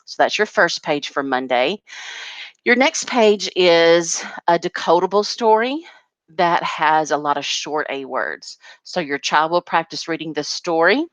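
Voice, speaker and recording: A woman's voice: on the low side, expressive, a little slow, no echo. A woman kindergarten teacher patiently walking parents through a home learning packet, step by step.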